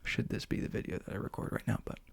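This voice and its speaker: A man's voice: quick pace, no echo. A man whispering casually into a close microphone for an ASMR video, rambling and joking in a self-aware way. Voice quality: breathy whisper. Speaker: ASMR creator. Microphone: studio microphone with fuzzy cover, close.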